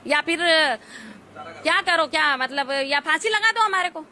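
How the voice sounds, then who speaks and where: A woman's voice: very high voice, animated, normal speed, pushed and bright, slight background noise. A woman, answering an interview defiantly with pointed rhetorical questions. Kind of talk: indignant street interview answers.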